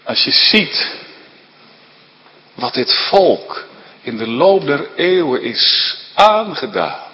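Guy preaching slow and earnest, long churchy reverb. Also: on the high side, sing-song, dull audio. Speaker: pastor. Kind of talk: sermon.

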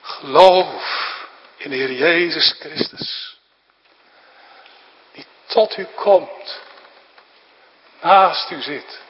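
High-voiced pastor preaching slowly. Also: male voice. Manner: solemn, pleading, rising to fervent emphasis. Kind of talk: sermon. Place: church. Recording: dull sound in a reverberant church.

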